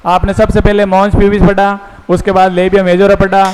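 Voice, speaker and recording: A man's voice: high-pitched, flat delivery, unhurried, darkish tone, a little hiss or hum. A male teacher giving a classroom lecture, coaxing students with call-and-response questions. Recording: echoey classroom hall.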